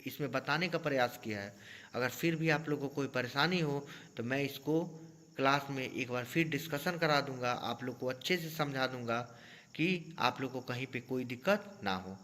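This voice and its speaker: A man's voice: mid-range voice, moderate pace, fairly bright tone. Male teacher for a classroom grammar lesson; drills points with repetition, echoing hall sound. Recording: long hall reverb.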